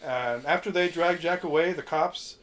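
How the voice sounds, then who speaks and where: A man's voice: on the high side, moderate pace, fairly bright tone. A man hosting a podcast, casually recapping a movie from his notes, rambling with fillers and restarts. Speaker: podcast host.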